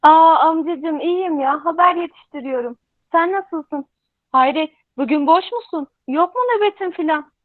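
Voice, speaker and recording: Radio drama: woman as breezy affectionate young relative, high, phone-thin voice. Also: unhurried, no echo. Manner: breezy, casual. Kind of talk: Turkish radio theatre acting. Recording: thin phone-like line, dry.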